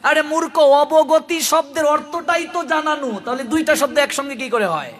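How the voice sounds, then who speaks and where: A man's voice: very high-pitched, moderate pace, fairly bright tone. A man teaching pronunciation, spelling words out letter by letter with chuckling asides. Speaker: religious speaker teaching pronunciation. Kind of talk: spoken lesson to an audience. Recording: long hall reverb.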